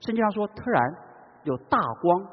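Man preaching, dramatic, husky, lively pitch swings, dull recording with long hall reverb. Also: normal speed. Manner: dramatic, swings between loud calls and hushed tones. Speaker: pastor. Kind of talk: sermon.

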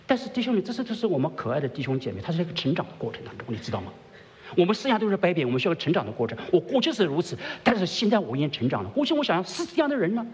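Animated pastor preaching in a reverberant hall. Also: male voice, high-pitched, very fast. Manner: rhetorical questions to the congregation, swings between soft and emphatic; drops English words into his speech. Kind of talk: sermon. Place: church service before a congregation.

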